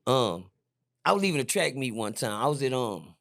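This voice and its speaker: A middle-aged man, a podcast guest, telling a story in a lively, slangy way, repeating himself and jumping high when excited. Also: normal speed, vocal fry. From Texas. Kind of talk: animated storytelling. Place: podcast studio.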